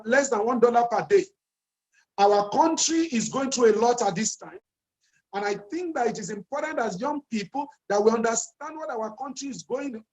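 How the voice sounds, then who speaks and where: Speaking to young people at a conference via video call, a man in his fifties with a Nigerian accent delivers an earnest motivational talk. He keeps repeating key lines and rhetorical questions for emphasis. The poor-quality audio carries his extremely high-pitched voice, which has a darkish tone.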